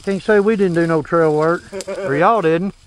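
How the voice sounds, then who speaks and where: A man's voice: on the high side, normal speed. A man telling a story with laughs, out of breath on a wooded trail ride. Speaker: trail rider filming the ride. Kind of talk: casual chat on a trail ride. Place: outdoors on a wooded dirt bike trail.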